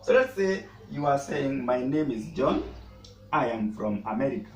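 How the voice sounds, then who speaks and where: A man who speaks natively, teaching a casual language lesson and pausing often to repeat words as he explains. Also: medium pitch, animated, soft background music. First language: Swahili. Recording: roomy echo, mic at a distance, faint noise.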